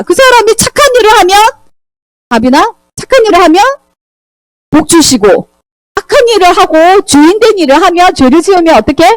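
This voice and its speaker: A woman teaching a children's Sunday school Bible lesson, animated and asking the children questions. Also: very high voice, dry recording, poor audio. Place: church classroom.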